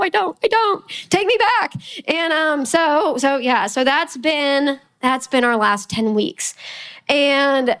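A woman in her forties with a Texan accent, telling a story in a casual, animated sermon at church, full of self-mocking asides. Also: on the high side. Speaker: speaker at church. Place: church sanctuary.

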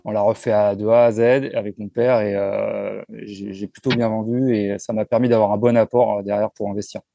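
A man in his forties, speaking as an interview guest in a relaxed, frank way, often pausing and restarting his sentences. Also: on the low side, gravelly, dry recording, dull audio. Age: 40s. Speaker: entrepreneur guest. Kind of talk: casual conversational interview.

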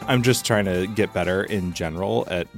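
A man's voice: sits low, moderate pace, soft background music. A man co-hosting a podcast, chatting in an easygoing, playful way. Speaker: podcast co-host. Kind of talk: casual chat. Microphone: studio podcast mic.

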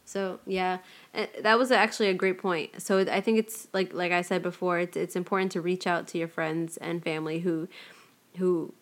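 A woman's voice: lowish voice, flat delivery, normal speed. A young woman co-hosting a casual talk podcast, thoughtful, laughing often and repeating words as she thinks. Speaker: podcast co-host. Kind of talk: casual conversation.

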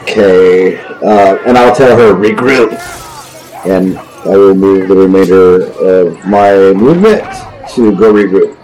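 A man playing a tabletop game, joking and lively as he declares his character's actions. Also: low voice, a little slow, hardly any pauses, poor audio. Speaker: player.

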